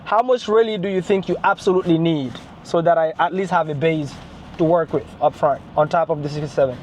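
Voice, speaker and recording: A man's voice: a little high, fairly quick, darkish tone. A man negotiating as a real estate investor on a three-way phone call, explaining and repeating his points. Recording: phone call with faint noise.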